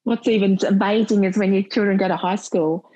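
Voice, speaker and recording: Brief: middle-aged woman, husky lowish voice, dry close sound, chatty with easy laughs. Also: fairly even intonation, brisk, warm tone, no echo, low-quality recording. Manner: chatty, laughs often, earnest. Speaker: maternal and child health nurse and volunteer. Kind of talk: casual interview chat.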